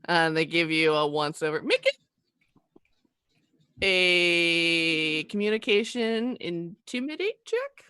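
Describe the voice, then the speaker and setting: Female game master, lower-set but bright voice, informal halting storytelling, dry close sound. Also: animated, clear, resonant tone, no echo. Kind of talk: casual improvised narration of a tabletop game.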